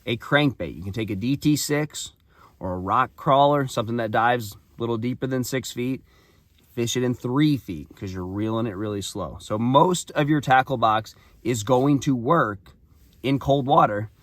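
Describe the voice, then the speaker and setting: A hoarse man with a raspy voice, giving practical fishing advice straight to his viewers in a casual vlog. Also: mid-range voice, normal speed, fairly bright tone, dry recording. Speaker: fishing channel host.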